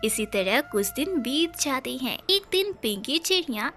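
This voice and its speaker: Woman reading a cartoon story, slow and dramatic, bright high voice. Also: faint music behind. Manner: dramatic, expressive. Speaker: narrator. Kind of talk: scripted storytelling narration.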